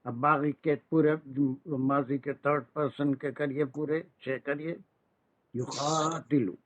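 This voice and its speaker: Slow-talking male grammar teacher on a call. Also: on the high side, steady tone, no echo. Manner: patient, drills verb forms, mixes English phrases. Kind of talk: online class teaching. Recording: dry, tinny phone-like audio.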